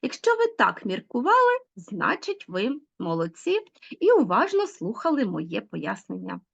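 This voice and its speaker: A woman teacher giving a grammar lesson to children, explaining patiently, stressing key words slowly and asking the class questions. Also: medium pitch, wildly swooping pitch, gravelly, a bit bright, husky, highs cut off. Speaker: school teacher.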